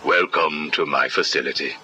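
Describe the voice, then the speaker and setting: An actor playing a calm, coolly menacing prison psychiatrist, heard as a video game interview tape recording. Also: male voice, very deep voice, normal speed, muffled recording, soft background music, heavily acted. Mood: cold. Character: cold, probing male prison psychiatrist. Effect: played from a hissy interview tape recording.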